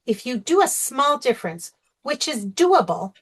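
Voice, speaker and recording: A woman's voice: high voice, sing-song, a little slow, breathy edge. A woman coach leading an online workshop over a video call, talking conversationally and checking in with "okay?" and "you know". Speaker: sugar-free recovery coach. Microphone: video call microphone.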